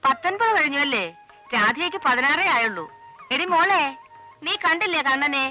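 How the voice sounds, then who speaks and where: A chatty old grandmother who fusses over everyone and boasts about her granddaughter. Her voice is high and very bright, with faint music behind it. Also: animated, normal speed. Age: older. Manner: chatty, fussing. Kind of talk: 1980s film acting.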